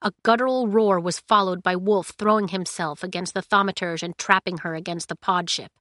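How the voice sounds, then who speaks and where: A woman narrating an audiobook in a measured, steady storytelling manner, recorded close to a studio mic. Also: on the low side, no room sound.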